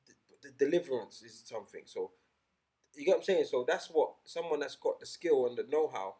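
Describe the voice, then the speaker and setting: A man co-hosting a casual podcast chat, animated and emphatic, often swearing. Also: medium pitch, a little fast, husky. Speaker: podcast co-host.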